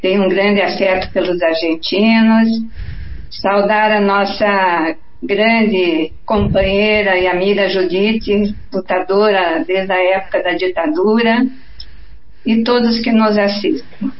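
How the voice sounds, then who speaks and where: Female guest, seventies, Brazilian Portuguese accent, very slow delivery, echoey and faintly noisy audio. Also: medium pitch, steady tone. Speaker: guest lawyer and political activist. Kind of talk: formal greetings and self-introduction. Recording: echoey, dull, slightly noisy remote audio.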